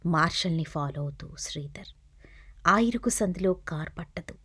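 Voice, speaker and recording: A woman narrating a serialized novel in a soft, hushed reading voice. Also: fairly low pitch, expressive, normal speed, husky, no echo. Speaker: audiobook narrator.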